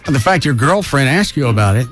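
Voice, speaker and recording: A man's voice: mid-range voice, lively intonation, fast talker, fairly bright tone, faint music behind. A man hosting a radio show in casual banter, with a wry, teasing manner.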